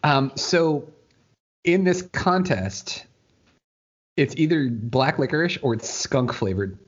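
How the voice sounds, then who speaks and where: A man's voice: medium pitch, animated, slow, breathy edge, muffled recording. Man hosting a casual, jokey podcast. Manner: jokey, informal. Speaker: podcast host. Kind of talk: casual chat.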